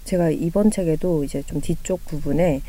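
A woman's voice: low voice, normal speed, mellow. A woman in her thirties, an author being interviewed, talking candidly and laughing often as she acts out what friends said. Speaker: author guest. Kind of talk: casual interview chat.

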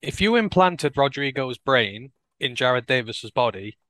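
A man's voice: medium pitch, expressive, unhurried, a bit bright, dry recording. Man, co-host, sports podcast chat, emphatic, dry recording. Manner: enthusiastic, emphatic, repeats words.

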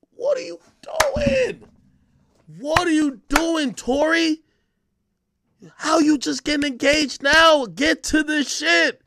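This voice belongs to a Jamaican man with a very high pitch and a sharp tone, recorded at studio quality with no echo. As host of an unscripted reaction podcast, he gives casual streamer-style commentary that's brash, slangy, emphatic and profane.

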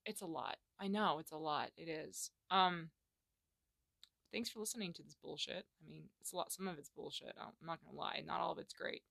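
Slangy woman, gravelly low voice. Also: moderate pace, long pauses, no room sound. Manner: candid, slangy, swings from loud to hushed. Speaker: solo podcast host. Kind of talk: casual solo podcast chat. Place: small closet at home.

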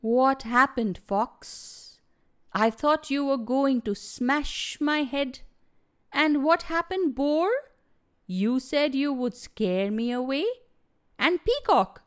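Smokey, a hurt, reproachful snake, voiced by a woman. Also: high voice. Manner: angry but hurt, reproachful.

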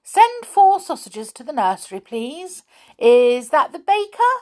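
A woman storyteller voices a big, naughty doll who bossily and smugly teases the other toys, phoning grandly like a spoiled storybook girl. The doll speaks slowly in a high, sing-song voice that swoops up and down, with a slightly mellow quality.

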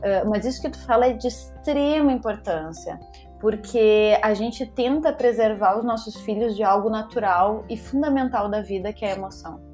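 A woman's voice: mid-range voice, moderate pace, a little mellow, faint music behind. A middle-aged woman, a psychologist talking on a podcast in an emphatic way that repeats rhetorical questions. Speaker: psychologist guest. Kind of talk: podcast conversation.

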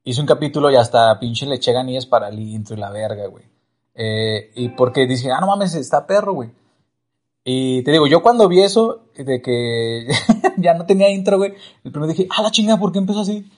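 A man's voice: mid-range voice, animated, normal speed. A young man with a northern Mexican accent chatting casually as a podcast co-host, using slangy, swear-filled street talk. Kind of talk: casual chat.

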